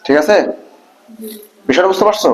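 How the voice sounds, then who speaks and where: A man's voice: high voice, brisk, poor audio. A young man teaching a Bangla lesson, asking questions and answering them himself. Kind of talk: classroom lesson.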